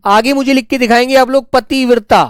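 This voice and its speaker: A male teacher giving a spelling class, dictating words slowly and repeating each one, talking to pupils in a fatherly way. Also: very high voice, fairly even intonation, clean tone, no room sound, clean studio sound. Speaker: Hindi teacher.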